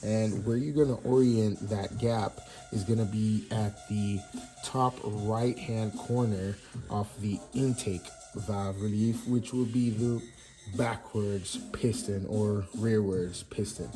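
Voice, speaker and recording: A low, mellow-voiced man with a Jamaican accent walks through a garage job in an easygoing tutorial. He talks loosely, with fillers and restarts, over faint background music. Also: slow, rough recording. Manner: relaxed, chatty, many fillers and restarts. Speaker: mechanic demonstrating engine assembly. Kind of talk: casual how-to tutorial. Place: home garage workshop.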